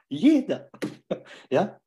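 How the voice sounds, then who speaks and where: A podcast guest speaks in a high-pitched, mellow voice with huge pitch swings and drawn-out words. He talks emphatically, repeating key phrases and asking "ja?" over and over to check in.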